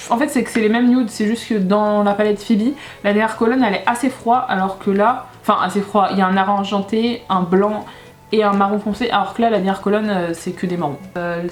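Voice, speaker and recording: A young woman talks through a makeup unboxing in a relaxed, chatty way, often stumbling and restarting her sentences. Her voice sits at an ordinary middle pitch for a woman. The room is noticeably echoey, and soft music plays faintly underneath. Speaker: beauty vlogger. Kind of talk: casual unboxing chat.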